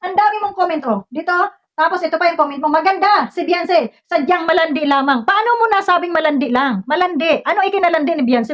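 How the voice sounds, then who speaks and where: A woman with an extremely high, somewhat bright voice rants heatedly at a commenter, scolding and confronting them with a barrage of rhetorical questions. The recording is dull and lo-fi.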